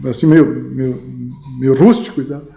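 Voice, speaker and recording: A middle-aged Brazilian man with a Brazilian Portuguese accent, a podcast guest telling lively stories about his sales career, full of fillers. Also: mid-range voice, measured pace, creaky, faint music behind. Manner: animated, lively anecdotes with many fillers. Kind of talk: casual storytelling interview. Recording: roomy podcast studio.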